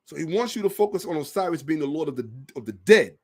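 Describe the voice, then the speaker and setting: A man's voice: on the high side, big pitch swings, quick pace. A man hosting a social commentary monologue, emphatic and repetitive, asking rhetorical questions. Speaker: host.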